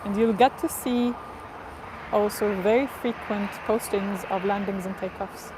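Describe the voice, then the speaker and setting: A woman hosts a casual livestream outdoors near an airport, chatting with viewers and laughing often. Her English is accented and non-native, though not Portuguese or Spanish, and she speaks at a measured pace with a medium pitch and fairly even intonation. Traffic and ambient noise fill the background.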